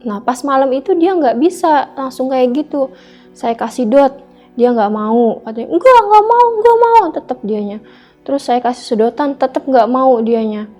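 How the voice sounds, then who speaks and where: A woman's voice: fairly high pitch, warm tone. A woman telling a personal story in an interview, acting out the dialogue as she goes. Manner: re-enacts dialogue, filling speech with "gitu". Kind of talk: emotional first-person storytelling. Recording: dull lo-fi sound with faint background music.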